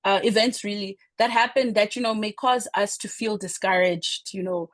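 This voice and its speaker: A woman's voice: mid-range voice, fairly even intonation, normal speed, dry recording. A woman in her thirties from Zimbabwe, giving a talk in a conversational way with many fillers and restarts. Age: 30s. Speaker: speaker. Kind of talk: informal presentation talk.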